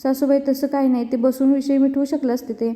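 A woman's voice: high-pitched, level tone, quick pace, warm tone, close to an everyday voice. A woman reading the lines of an anxious young daughter-in-law who pleads politely, in a dull, reverberant recording. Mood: pleading.

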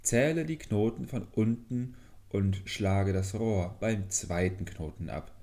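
A man's voice: on the low side, slow pace, dark tone. A man reading a storybook, voicing a tiny young man trapped in a bamboo stalk who first pleads and then gives commands. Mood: instructing.

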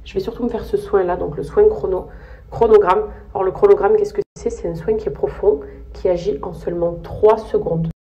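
In a casual trip vlog, a young woman addresses her followers briskly, slangy and expressive, her voice rough and croaky from the morning. The handheld phone recording is muffled and noisy, carrying an ambient rumble.

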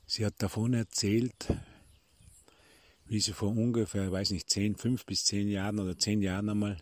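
A middle-aged man giving a devotional talk from a retreat, telling a story and addressing listeners as dear ones, sometimes dropping to a hushed near-whisper, recorded as a phone voice message. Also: fairly low pitch, little pitch movement, normal speed, no room sound. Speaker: spiritual teacher. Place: retreat in Tuscany.

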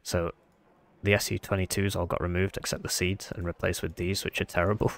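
A man with a croaky, froggy voice, sounding unwell, giving casual game commentary as he thinks aloud. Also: low voice, little pitch movement, a little fast, no echo. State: under the weather, sick voice. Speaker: gaming video host.

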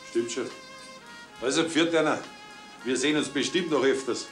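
A man's voice: medium pitch, normal speed, soft background music, lightly acted. An actor playing a nosy, affable older working man with a Bavarian accent in a 1960s German crime series. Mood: affable, probing.

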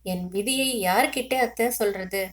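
Woman doing a grieving young widow lamenting her husband, soft and broken. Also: medium pitch, measured pace, natural voice. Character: young widow in her late twenties, heartbroken.

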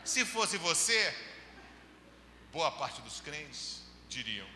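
Brief: male Brazilian pastor from Rio, sermon storyteller, higher-pitched bright voice, long church reverb. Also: fairly quick, noisy background. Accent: Brazilian Portuguese, Rio de Janeiro. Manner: lively storytelling, acts out dialogue, swings from loud to quiet. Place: church hall. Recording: echoey church hall, long reverb, faint ambience.

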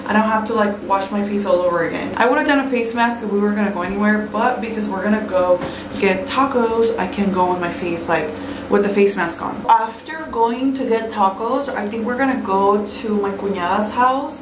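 A woman talks her way through a skincare routine in a relaxed, chatty way. She leans on "like" and drops Spanish phrases into her English. The small bathroom gives her voice a noticeable echo, and there is a steady background noise. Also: mid-range voice, moderate pace. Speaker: vlogger. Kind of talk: casual skincare vlog chat. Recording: echoey room with background noise.

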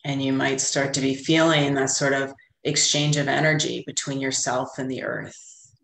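A middle-aged woman calmly guiding a grounding meditation in a soothing, unhurried voice with long pauses, over a video call. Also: very deep voice, gravelly. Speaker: meditation guide. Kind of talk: calm guided grounding meditation. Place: indoor room with plain wall, on a video call. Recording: roomy, echoey video call audio.

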